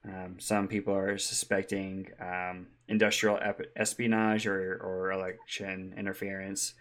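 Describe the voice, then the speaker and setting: Low-voiced guy cohosting a tech podcast, chatty, lots of ums and laughs. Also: little pitch movement, measured pace, a bit bright. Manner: chatty, laughs easily, many ums and restarts. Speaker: podcast co-host. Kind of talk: casual tech podcast chat.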